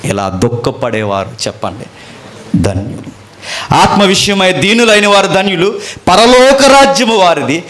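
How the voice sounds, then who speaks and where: A male preacher with a somewhat high voice delivers a sermon. He swings from raised, emphatic passages to low, hushed ones, piling on repeated phrases and rhetorical questions. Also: big pitch swings, unhurried.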